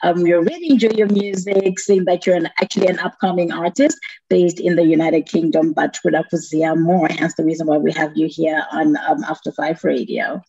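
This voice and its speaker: A woman's voice: deep voice, steady tone, normal speed, gravelly, warm tone, breathy edge. A woman from Zimbabwe hosting a radio interview, chatting in a bubbly, playful way with frequent laughs. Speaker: radio show host. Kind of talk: casual interview chat. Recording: dull lo-fi sound.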